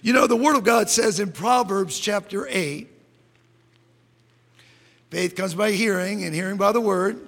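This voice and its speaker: A pastor with a high, gravelly voice delivers a fervent sermon in a church sanctuary, reading scripture aloud and building to shouts. He keeps a measured pace and pauses often, and the long reverb of the church hall trails his words.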